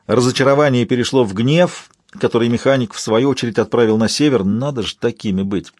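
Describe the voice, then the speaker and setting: Male audiobook narrator, husky voice, dry close studio sound, wry delivery. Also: medium pitch, fast talker, a little mellow, no echo.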